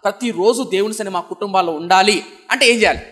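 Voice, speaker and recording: A young man from Andhra Pradesh, India, preaches a sermon at a fast pace, putting rhetorical questions to the congregation. He swings between loud, emphatic lines and soft, low passages.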